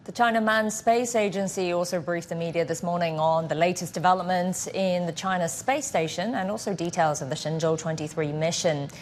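A woman news anchor introducing reports in a formal, measured way. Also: fairly low pitch, fairly even intonation, slight background noise.

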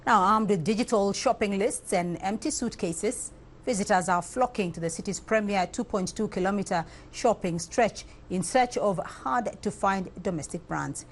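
Female studio anchor, crisp formal lead-in. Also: mid-range voice, normal speed, slight background noise. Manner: polished, formal. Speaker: news anchor. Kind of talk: scripted news introduction.

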